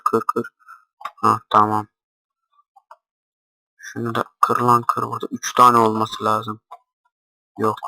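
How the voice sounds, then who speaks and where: A man giving casual gameplay commentary, deliberately talking quietly and swearing offhandedly as he plays. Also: lowish voice, gravelly, dry recording, poor audio. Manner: talks quietly on purpose, swears casually while playing.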